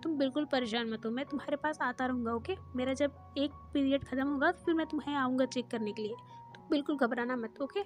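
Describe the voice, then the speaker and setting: A protective young man speaks gently and reassuringly, as a woman storyteller puts him on. The voice stays high and soft, a storybook older-brother figure. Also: fast, faint music behind, natural voice.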